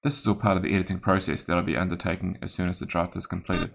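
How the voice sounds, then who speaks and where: A man who writes, calmly explaining his craft in a measured way. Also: low-pitched, creaky. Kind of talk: reflective talk on writing.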